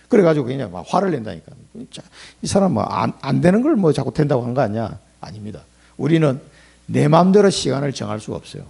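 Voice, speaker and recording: A man's voice: fairly high pitch, creaky, dark tone, husky. A middle-aged male pastor giving a conversational sermon, telling stories with chuckling asides.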